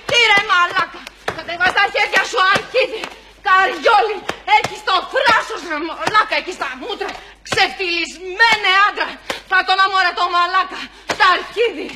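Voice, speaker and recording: A woman playing a furious, foul-mouthed woman who yells insults at a man who missed a meeting. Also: sits high, background noise. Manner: yelling streams of insults. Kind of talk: comedy sketch acting.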